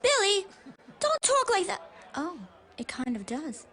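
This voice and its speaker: A woman's voice: very animated, measured pace, fairly bright tone, slight background noise, full character voice. A woman voicing a prim, fussy mother who keeps scolding her son. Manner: shrill, scolding.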